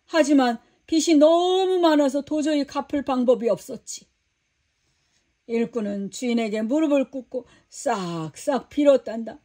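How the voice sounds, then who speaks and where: A woman voicing Jesus as a gentle, patient male teacher who tells a story calmly and kindly to a disciple. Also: high-pitched, unhurried.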